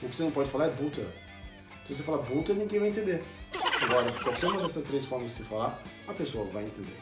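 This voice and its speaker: Brazilian-born male teacher, explanatory, repeats words slowly, roomy sound with faint guitar behind. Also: medium pitch, animated. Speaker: English teacher. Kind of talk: video lesson.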